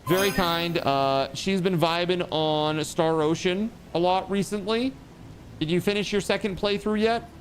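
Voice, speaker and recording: A man livestreaming and chatting casually with viewers, giving shout-outs in an excitable, hyped way with repeated words and exclamations. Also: high voice, a little slow, slight background noise. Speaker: live game streamer.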